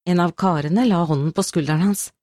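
A woman narrating a novel as an audiobook, in a steady, measured storytelling manner. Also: lowish voice, no room sound, studio quality. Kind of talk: scripted narration.

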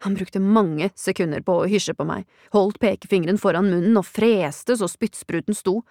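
A woman narrating an audiobook in the first person with a wry, deadpan delivery. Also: medium pitch, no echo, clean studio sound.

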